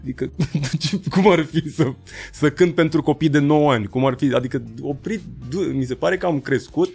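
A man in his thirties, a rapper and beatmaker, telling stories in a casual interview and acting out quotes in high voices. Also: gravelly, a little mellow, breathy edge, soft background music.

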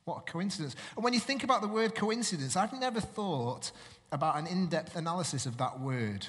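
A man's voice: a little high, lively intonation, fairly quick, fairly bright tone, long reverb tail. A man from Manchester, giving a sermon in a chatty way and putting questions to the congregation. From Manchester, England. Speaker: preacher.

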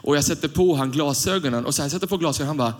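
A man in his thirties preaching a sermon, telling family stories in a relaxed conversational way and then building to emphatic preaching. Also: fairly high pitch. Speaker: pastor.

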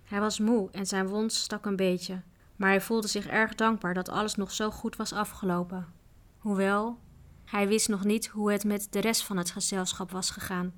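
A woman narrating a children's adventure book aloud in a steady, even reading voice. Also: mid-range voice, moderate pace. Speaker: audiobook reader. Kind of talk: storybook narration.

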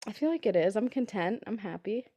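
A woman's voice: medium pitch, expressive, fairly quick, dark tone, no room sound. A young adult woman co-hosting a casual podcast in a blunt, laid-back, sweary way. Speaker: podcast co-host.

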